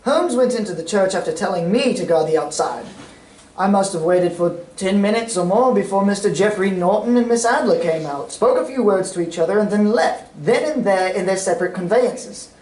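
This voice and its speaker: A man's voice: sits high, fairly quick, a little mellow, slight background noise, lightly acted. A loyal doctor sidekick, played by a man in a radio play reading, inquisitive and given to telling the story. The voice sits back from the mic in a very echoey space. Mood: recounting. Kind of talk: old-time radio drama reading on stage. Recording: echoey stage recording, far from mic.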